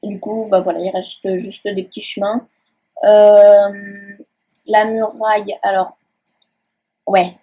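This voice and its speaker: A woman's voice: mid-range voice, flat delivery, slow, pauses often, dark tone, slightly rough, poor audio. A young woman casually touring her game world, rambling and hesitant with many fillers. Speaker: gaming channel host. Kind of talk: casual game-tour commentary. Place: at home by a laptop.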